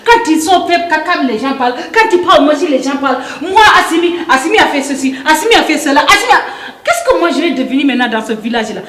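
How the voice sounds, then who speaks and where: A woman's voice: sits high, big pitch swings, fast talker, hardly any pauses, a bit bright, roomy sound. A woman with a voice playing a playful, coaxing village wife in a comic sketch. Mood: complaining. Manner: coaxing and playful, often laughing through lines.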